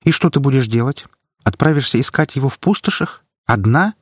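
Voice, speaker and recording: A man's voice: medium pitch, expressive, a little fast, husky, no echo, clean studio sound, pitched above the performer's own voice. A man voicing Svetlana, a worried, sensible young woman student who reproaches and cautions the others. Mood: reproachful.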